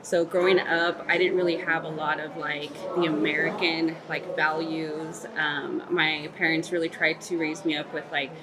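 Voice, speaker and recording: A woman in her thirties, born in Mexico and raised in Texas, reflects candidly in an interview, her speech full of "like" and "um." Her voice sits low with a level tone, moderate pace, and few pauses. The audio is poor, with a noisy crowd behind her.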